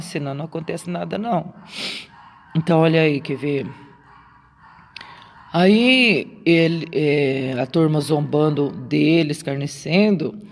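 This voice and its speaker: A woman's voice: sits low, creaky, darkish tone. A Brazilian woman preaching a sermon, repeating her points with emphasis and asking rhetorical questions. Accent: Brazilian Portuguese. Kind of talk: sermon on a Bible story. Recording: long reverb.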